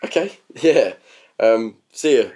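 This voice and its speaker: A man's voice: mid-range voice, lively intonation, takes it slowly, warm tone. Darren, a flustered hapless young man. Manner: awkward, eager, stammering. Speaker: lead character in comedy series. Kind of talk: sitcom acting.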